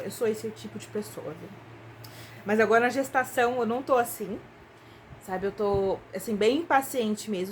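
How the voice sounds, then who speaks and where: High-voiced Brazilian woman, hesitant chat. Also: slight background noise. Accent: Brazilian Portuguese. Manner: hesitant, repeats and restarts words, intimate. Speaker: vlogger. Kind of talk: casual confessional chat to viewers.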